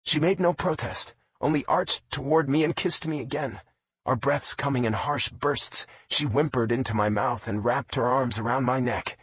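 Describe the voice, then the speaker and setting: A man narrating a romance audiobook in a low, intimate first-person reading. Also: moderate pace, a bit bright, breathy edge, dry recording.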